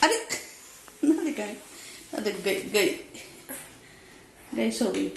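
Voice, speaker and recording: A woman's voice: mid-range voice, lively intonation, very slow. A woman in her thirties vlogging at home, playfully scolding and coaxing a child in a sing-song way, on a phone camera. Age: 30s. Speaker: family vlogger. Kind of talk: casual home vlog. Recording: echoey room with clear background noise.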